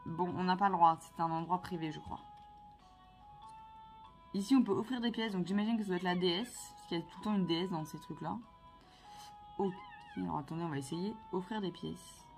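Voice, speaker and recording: A woman's voice: fairly low pitch, a little fast, long pauses, soft background music. Chatty woman narrating her gameplay. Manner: chatty, playful, talks straight to viewers. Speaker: vlogger playing a video game. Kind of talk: casual gameplay commentary.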